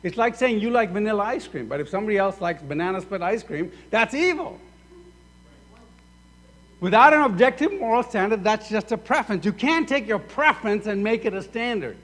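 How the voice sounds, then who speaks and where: In an echoing church sanctuary, a man from Sudan delivers a sermon in a voice that sits high and runs a little fast. As pastor, he animatedly plays both parts of the imagined dialogues he describes.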